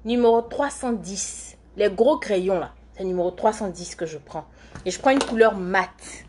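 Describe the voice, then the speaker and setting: A woman's voice: mid-range voice, a little slow, a little mellow, slight background noise. A young woman from Côte d'Ivoire, chatting casually on a livestream, answering comments in a rambling way while doing her makeup. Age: young adult. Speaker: live streamer and student.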